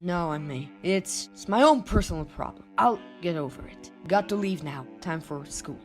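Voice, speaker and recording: A man's voice: on the high side, expressive, normal speed, faint music behind, lightly acted. A man playing a brooding teenage boy superhero, talking to himself earnestly and dramatically in a comic book dub. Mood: dejected. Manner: earnest, dramatic self-talk. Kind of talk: comic book dub acting, inner monologue.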